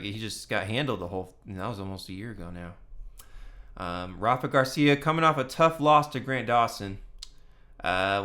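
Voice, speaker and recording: A man's voice: fairly low pitch, fairly bright tone. A man hosting his own fight predictions video, talking casually and getting worked up, swearing often and repeating himself for emphasis. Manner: heated and profane, lots of "come on now" and "you know what I mean". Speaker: host of a fight picks channel.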